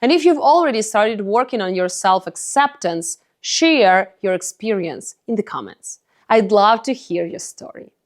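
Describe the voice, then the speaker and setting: A woman's voice: mid-range voice, animated, a little slow. Earnest woman coaching the viewer. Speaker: self-help coach. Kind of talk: motivational talk to camera.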